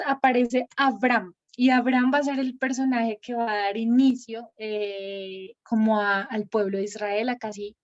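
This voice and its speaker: A woman's voice: a little high, a little mellow. A woman teaching a Bible class over a video call. She thinks aloud while she writes names on a shared screen. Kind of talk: online class with screen sharing. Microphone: computer mic on a video call. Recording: dull lo-fi video call audio.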